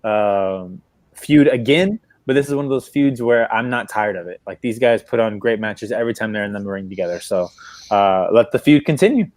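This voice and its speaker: A man co-hosting a casual wrestling livestream, retelling backstage skits in an animated way and laughing as he goes. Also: on the low side, moderate pace, dry recording. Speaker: podcast co-host.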